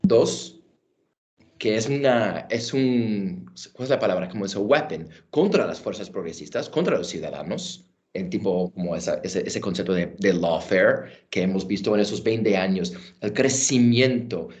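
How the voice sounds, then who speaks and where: A man in his thirties with an American accent, a native English speaker giving a panel talk in halting Spanish, searching for words and mixing in English terms. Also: lowish voice, expressive, a little mellow. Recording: dull, lo-fi audio.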